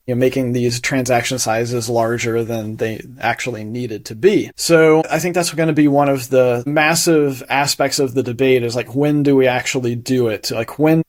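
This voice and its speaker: Man, mid-pitch guest for interview, thoughtful explainer, measured delivery, frequent restarts. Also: fairly even intonation. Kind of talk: explanatory conversational interview answers.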